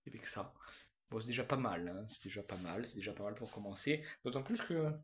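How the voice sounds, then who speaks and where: A man doing a rambling comic monologue to camera, crude and jokey, full of fillers and repeated phrases, swinging between loud outbursts and low mutters. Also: fast. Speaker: vlogger.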